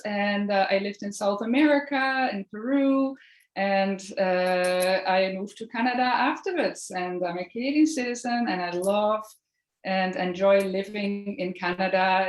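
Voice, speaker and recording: A woman from the Netherlands with a Dutch accent, in her thirties, talking earnestly and gently as a podcast guest. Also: medium pitch, roomy sound. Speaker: podcast guest, Reiki practitioner. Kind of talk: casual interview chat.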